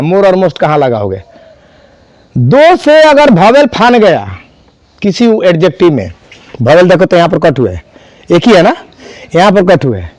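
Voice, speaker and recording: A man's voice: high-pitched, no echo. A man teaching an English grammar class, spelling words out and quizzing students. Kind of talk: classroom lesson.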